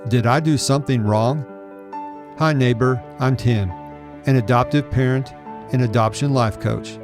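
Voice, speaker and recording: A man's voice: mid-range voice, measured pace, music in the background. A middle-aged man hosting a podcast interview and reading an earnest, welcoming introduction. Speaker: podcast host.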